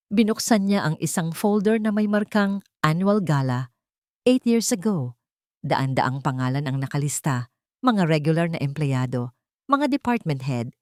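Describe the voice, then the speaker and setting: A Filipino woman with a slightly low, darkish voice narrates a romantic drama, telling a scripted story for listeners. The recording is dry and close, with almost no room sound and no echo.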